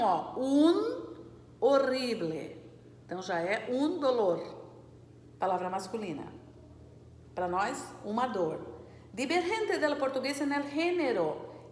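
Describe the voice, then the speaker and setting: A woman teaching a Spanish class, patiently going over exercises, reading words slowly and checking that students follow. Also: fairly high pitch, echoey room, in a large hall, slight background noise. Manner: explains patiently, checks understanding with "certo?" and "né, gente?"; reads Spanish words slowly and clearly, switching into Portuguese explanations.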